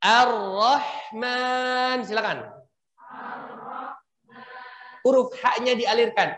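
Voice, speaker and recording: A man teaching Quran recitation rules to a class of women, patiently prompting them and demonstrating slow, drawn-out recitation. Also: high voice, animated, fairly bright tone. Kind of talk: tajwid lesson for women. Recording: echoey room.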